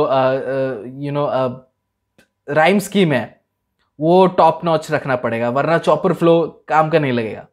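A young man hosts a music reaction, chatting casually and excitedly in a slightly high voice. He sprinkles in "man" and "bro" and switches between English and Hindi.

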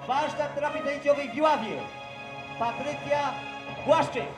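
A man calls out results through a megaphone, his very high voice spreading in echo. He reads names slowly and formally and keeps asking for attention. Music plays behind him. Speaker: event announcer. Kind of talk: announcing competition results. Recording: echoey loudspeaker sound with music behind.

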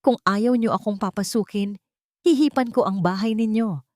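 A woman voicing a hungry, cunning wolf who shouts demands at little pigs in a storybook tale. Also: medium pitch, moderate pace, no room sound, clean studio sound, pitched above the performer's own voice, natural voice. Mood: menacing.

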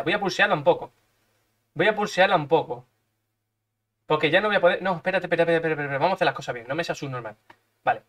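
Rowdy, foul-mouthed man. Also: a little high. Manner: swears a lot, chants and shouts at the game; swings from quiet muttering to loud excited yelling. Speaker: streamer. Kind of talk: live gameplay commentary.

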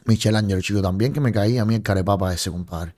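A man's voice: fairly low pitch, fast, a little mellow. A young Cuban man with a Cuban accent, mocking and scolding as he streams commentary from a home room into a large studio microphone. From Cuba. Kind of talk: livestream commentary. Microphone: large studio mic on a boom in front of face.

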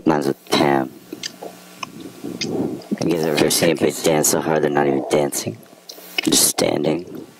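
A boastful party guy with a rumbling, gravelly bass voice, put on by a man. He rambles in goofy, bar-style patter. Faint noise sits under the recording. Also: flat delivery, normal speed, long pauses, rough recording. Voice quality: gravelly, very deep.

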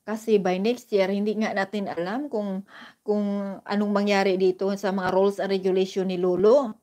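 A woman's voice: medium pitch, flat delivery, moderate pace, mellow. A woman from the Philippines chatting casually on a live stream, greeting viewers by name and giving sisterly, encouraging advice.

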